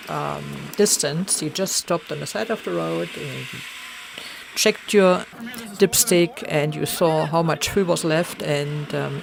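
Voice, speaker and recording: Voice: mid-range voice, vocal fry. A middle-aged vlogger from East Germany with a German accent, chatting casually and chuckling at their own jokes. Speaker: travel vlogger. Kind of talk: casual vlog narration.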